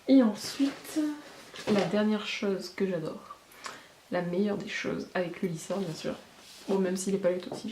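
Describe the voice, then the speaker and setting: A woman chats through a casual beauty haul review, hesitating often as she talks. Her voice sits at a middle pitch and bounces around an echoey room, with steady background noise behind her. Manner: chatty, many fillers and hesitations. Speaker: beauty vlogger.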